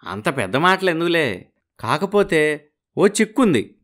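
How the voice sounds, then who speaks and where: Brief: blunt, shrewd middle-aged matchmaker, somewhat high male voice, storybook cartoon. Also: big pitch swings, unhurried, fairly bright tone. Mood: matter-of-fact. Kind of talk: animated storybook voice acting.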